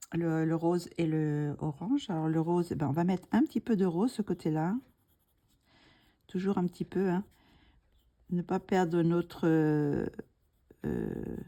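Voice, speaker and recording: Mellow-voiced woman walking through a coloring tutorial, slow and soft, half whispering to herself. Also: low voice. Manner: slow, soft-spoken, thinking aloud, drops to whispers.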